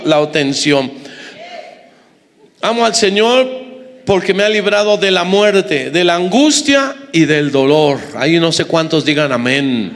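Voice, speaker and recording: A man's voice: high-pitched, a bit bright. A man preaching a sermon to his congregation, emphatic and repetitive, with joking asides. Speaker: pastor. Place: church hall with congregation. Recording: reverberant church hall.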